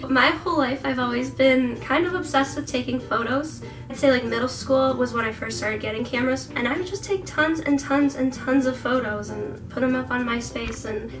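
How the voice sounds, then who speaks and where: Woman in her twenties from the Netherlands, chatty vlog co-host with a light, higher voice and frequent giggles, set a little back from the mic over loud music. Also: far from the mic, low-quality recording. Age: 20s. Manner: chatty and giggly, laughs often. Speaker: vlogger co-host. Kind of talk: casual Q&A chat.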